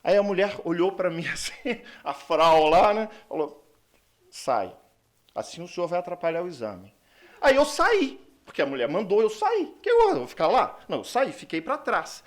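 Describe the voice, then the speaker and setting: A man's voice: high-pitched, huge pitch swings, moderate pace. A man, a lawyer from Brazil, giving a chatty, self-mocking conference talk with many fillers in a conference hall.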